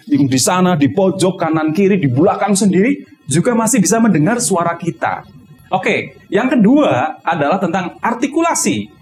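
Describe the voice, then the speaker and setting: Guy teaching public speaking, voice jumps up and down a lot, shows high n low tones. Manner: explains step by step, demonstrates high and low tones. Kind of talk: instructional talk on public speaking.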